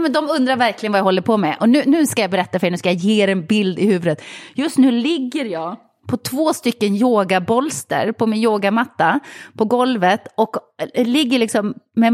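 A woman co-hosting a podcast in casual chat, telling stories lively while lying on a yoga mat on the floor. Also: mid-range voice. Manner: lively storyteller, quotes others. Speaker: podcast co-host.

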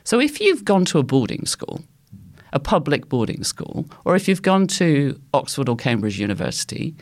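A woman speaking as an expert guest in a panel discussion, explaining things in a measured way. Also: low voice, very animated, darkish tone.

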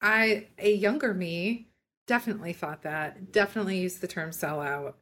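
A woman's voice: fairly low pitch, moderate pace, a bit bright. A woman co-hosting a coffee business podcast, joking and self-deprecating, speaking into a handheld microphone. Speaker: podcast co-host. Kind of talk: casual chat. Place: home in Berlin, dark room.

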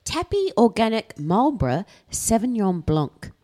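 A woman's voice: mid-range voice, sing-song, unhurried, mellow. A woman in her thirties co-hosting a casual wine-tasting chat, talking like a self-styled wine expert. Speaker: co-host.

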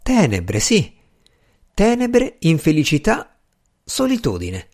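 A grand, volatile fairy gentleman from an audiobook, ancient and quick to fury, as a male narrator puts him on. His voice wails and swoops from low to high, and he stretches out his words. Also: wildly swooping pitch, exaggerated voice. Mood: brooding.

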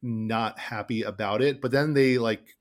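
A man's voice: medium pitch, steady tone, measured pace. Casual male co-host, loose and rambling, chatty recap. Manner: rambling, heavy on "like" fillers. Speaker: podcast co-host. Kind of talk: casual chat.

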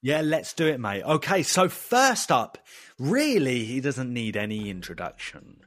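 A man's voice: mid-range voice, sing-song, unhurried, a bit bright. A man with an Essex accent hosting a casual podcast with blokey, enthusiastic banter. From Essex, England. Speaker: podcast host.

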